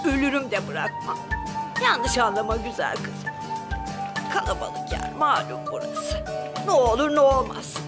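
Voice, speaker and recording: Brief: a shrill, fussy woman in her fifties, very high and lively. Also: measured pace, long pauses, loud music behind the voice. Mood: suspicious. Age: 50s. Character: older woman clinging to her gold, suspicious.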